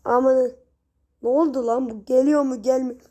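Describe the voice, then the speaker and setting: A young woman giving casual gameplay commentary, chatty with her viewers and prone to sudden shrieks and yells at the game. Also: high-pitched, fairly even intonation, moderate pace. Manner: chatty, talks straight to viewers. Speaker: gaming channel host.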